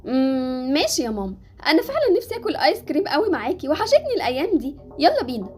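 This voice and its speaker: A woman with an Egyptian accent voicing a distraught young mother in a home-made melodrama. Her voice is very high and she talks fast, pleading through tears. Faint music plays underneath. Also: huge pitch swings. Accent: Egyptian Arabic. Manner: tearful, emotional pleading. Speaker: channel host voicing a home-made drama.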